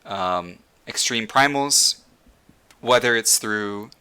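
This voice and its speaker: Rambling, bright-toned man with a tired voice. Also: lowish voice, slow, clear, resonant tone. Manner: rambling, frequent fillers and restarts. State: losing his voice. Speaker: podcast host. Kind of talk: casual gaming discussion.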